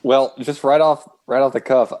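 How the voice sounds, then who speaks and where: A man's voice: mid-range voice, moderate pace. A man, co-hosting a podcast and telling stories in casual chat, laughing often. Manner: animated storytelling, laughs often. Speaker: podcast co-host.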